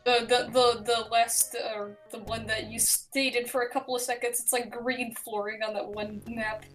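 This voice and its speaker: A woman's voice: on the high side, level tone, normal speed, a bit bright, soft background music. Giggly woman joking over gameplay. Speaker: streamer co-host. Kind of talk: casual gameplay chat.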